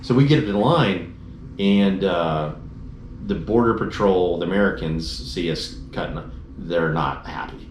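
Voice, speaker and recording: A man's voice: deep voice, unhurried. A man casually recounting his motorcycle crash and trip home, acting out the voices of the people in his story. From Dallas-Fort Worth area, Texas. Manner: animated storyteller, acts out quoted dialogue. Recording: roomy echoey room, faint noise.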